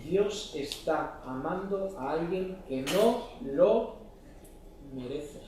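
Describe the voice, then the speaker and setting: A man's voice: on the high side, expressive, very slow, warm tone, a little hiss or hum. A man preaching a sermon in church, often asking the congregation short questions. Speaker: pastor. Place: church hall. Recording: echoey church hall, mic at a distance.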